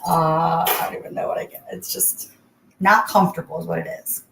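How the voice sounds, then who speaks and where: Streaming from an echoing bathroom indoors, a woman hosts a casual, chatty livestream, greeting viewers by name as she goes. Her voice is on the low side, steady, brisk and fairly bright in tone, and the echoey recording carries clear background noise.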